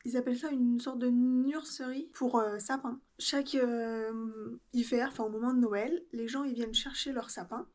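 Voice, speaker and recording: A woman's voice: on the high side, fairly even intonation, normal speed, few pauses, darkish tone. Chatty young French woman vlogging. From France. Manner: chatty, candid, a little nervous. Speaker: travel vlogger. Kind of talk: casual travel vlog. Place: on the road, partly outdoors. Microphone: handheld camera.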